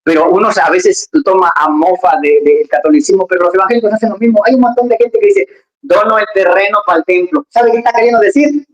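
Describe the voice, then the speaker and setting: A preacher giving a lively sermon, full of conversational asides, jokes and rhetorical questions to the congregation. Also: medium pitch, fast talker, rough recording.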